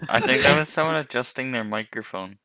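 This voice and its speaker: A man's voice: mid-range voice, fairly quick, gravelly, bright, forceful tone. A young man co-hosting a podcast in casual chat, giggly and rambling over a voice call. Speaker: podcast co-host. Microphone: computer mic on a voice call.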